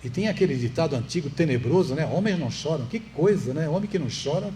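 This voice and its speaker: A man's voice: on the high side, animated, fast talker, background noise. A man with a Brazilian Portuguese accent giving a public lecture at a spiritist center. He speaks conversationally, asks the audience rhetorical questions and adds light jokes. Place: meeting hall of a spiritist center.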